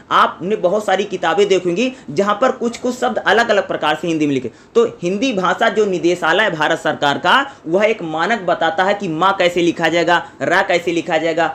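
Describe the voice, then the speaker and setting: High-voiced man teaching an exam lesson. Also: a bit bright. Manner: repeats questions to the listener and answers them himself; sounds out syllables slowly one by one. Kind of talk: exam-prep lecture.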